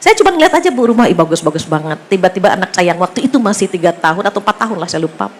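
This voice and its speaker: A middle-aged woman giving a sermon to women, chatty and lively, often turning to her listeners and acting out little dialogues. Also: fairly low pitch, racing. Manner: acts out dialogue in shifting voices. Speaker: religious teacher.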